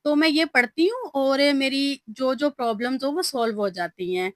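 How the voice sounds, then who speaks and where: A woman's voice: sits high, moderate pace, no echo. A woman vlogger, chatting casually and telling personal stories about faith with many fillers. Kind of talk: casual religious advice talk.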